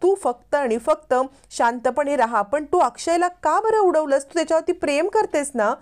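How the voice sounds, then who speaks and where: A woman's voice: high voice, moderate pace, pitched above the performer's own voice, close to an everyday voice. A woman voicing a protective middle-aged mother who reassures her daughter. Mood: reassuring.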